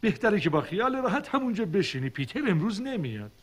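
Cartoon dub: a gentle, firm teacher, high and very lively, hissy tape. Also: male voice, breathy edge, full character voice. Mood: kindly. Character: kindly, firm village schoolteacher man.

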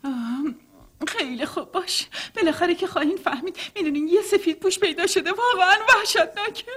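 A woman's voice: very high voice, sharp tone. A woman voicing a strict, fussy middle-aged governess in a dubbed cartoon, bossy and easily flustered.

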